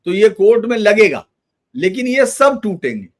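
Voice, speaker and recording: A man's voice: high voice, sing-song, moderate pace. A man giving emphatic political commentary in a loose, run-on conversational manner.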